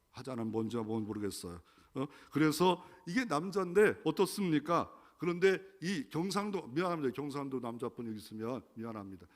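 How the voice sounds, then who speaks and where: A pastor preaching a sermon in a conversational way, asking the congregation questions and building to emphatic calls. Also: male voice, medium pitch. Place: large church sanctuary. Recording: long hall reverb from church sanctuary.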